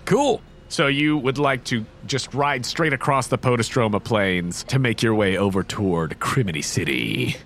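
A man's voice: medium pitch, normal speed, few pauses, a bit bright, slight background noise. A man acting as game master, casually narrating a tabletop role-playing game. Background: background music.

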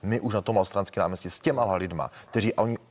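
A middle-aged man debates in a studio with a somewhat low voice. He is insistent and repeats words to cut into the other guest's turns. He talks like a seasoned politician defending his record. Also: darkish tone. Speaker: political guest, former minister.

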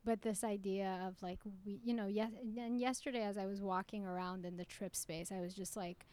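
A woman guest who works as a psychologist talks casually in a middle-pitched voice. She pauses and restarts as she searches for her words. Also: steady tone, mellow, clear, resonant tone. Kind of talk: casual conversation.

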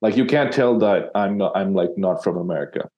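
A Sri Lankan copywriter, a man with a low voice, talks casually as an interview guest, rambling briskly with plenty of fillers and restarts. The audio sounds dull.

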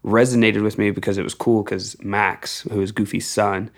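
A young American man from Texas, appearing as a musician guest in an interview, tells stories casually and informally, rambling and stressing key words. His voice sits on the low side with little pitch movement, at normal speed.

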